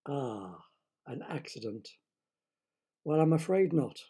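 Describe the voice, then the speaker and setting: A man playing a stony, coolly formal car salesman who speaks deliberately. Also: mid-range voice, very animated, dark tone, breathy edge, full character voice.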